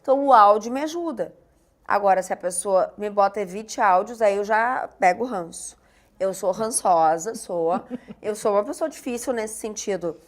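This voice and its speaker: A woman hosting a casual podcast chat, animated and playful. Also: mid-range voice, normal speed. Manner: animated, playful, self-mocking. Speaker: host.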